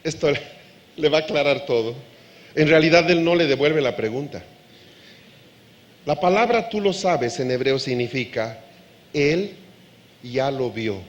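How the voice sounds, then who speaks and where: A man preaching a sermon as pastor, lively, asking the congregation questions and acting out dialogue. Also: fairly high pitch, a little slow, long pauses, dull audio. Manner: animated preaching, acts out dialogue.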